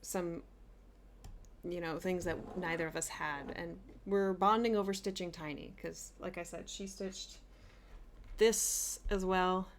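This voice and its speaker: Low-voiced woman gushing over a haul. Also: steady tone, a little hiss or hum. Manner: chatty and gushing, quick restarts. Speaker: flosstube host. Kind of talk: casual chat showing a haul.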